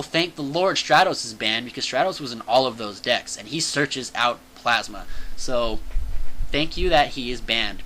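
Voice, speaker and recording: A young man casually talking through a card game list for his channel, excitable and chatty, peppering his talk with "dude" and "like". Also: mid-range voice, a little hiss or hum, poor audio. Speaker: channel host reviewing card game banlist. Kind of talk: casual enthusiastic commentary.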